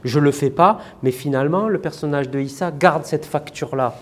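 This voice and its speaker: This man from France, an author with a Marseille accent, chats casually in an interview, often using fillers and starting over. He speaks at a normal speed in a slightly high voice.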